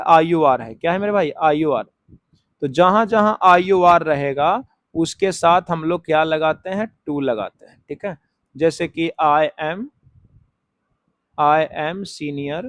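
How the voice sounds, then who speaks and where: A man with a fairly high voice teaches an exam-prep grammar class. He explains each point step by step, stretches out key words slowly, and keeps asking questions he answers himself. The sound is close and dry. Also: no room sound. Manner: writes on a board while talking. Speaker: English teacher.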